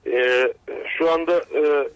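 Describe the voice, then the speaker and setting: A middle-aged man calls in to a radio show over a landline phone, halting and stumbling over his words. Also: fairly high pitch, steady tone, clear, resonant tone, dry recording. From Bulgaria. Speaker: caller. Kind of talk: call-in greeting on radio. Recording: dull lo-fi phone line.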